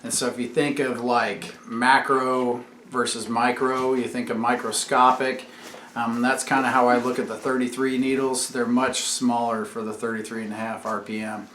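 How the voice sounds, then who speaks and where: In an echoey room at home with faint background noise, a father who runs a YouTube channel hosts a relaxed vlog, teaching as he explains and quizzing his kids. He speaks at medium pitch and a moderate pace, his level tone fairly bright.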